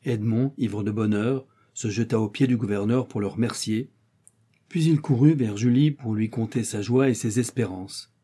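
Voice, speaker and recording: A man narrating a classic romantic novella in a measured, expressive literary reading. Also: lowish voice, husky.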